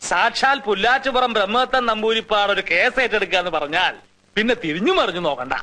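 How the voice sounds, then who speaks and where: A man's voice: sits high, sharp tone. An actor playing a blustering, superstitious old uncle who scolds his nephew in a 1990s film drama. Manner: scolding, boastful.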